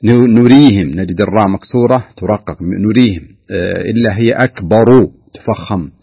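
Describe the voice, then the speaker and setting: A man with a low, gravelly, husky voice teaches recitation rules, pausing and repeating sounds to show them. The sound is dry and dull, like a lo-fi radio feed. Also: dry recording. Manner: patient, demonstrates sounds, frequent hesitations.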